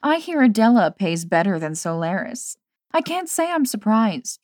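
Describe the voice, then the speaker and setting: A callous woman who mocks others' pain, as a woman narrator puts her on, speaking in a slow, amused drawl. The reading is dry and close. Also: medium pitch, sing-song, darkish tone, no room sound, pitched above the performer's own voice, lightly acted. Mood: mocking. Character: woman, mocking and callous schemer.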